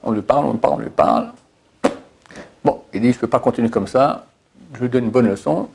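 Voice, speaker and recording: A man's voice: mid-range voice, a little fast, vocal fry, a little mellow, husky. A man giving a religious lesson as a sermon, addressing listeners directly with rhetorical questions and impassioned, rising emphasis. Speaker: rabbi giving a Torah lesson.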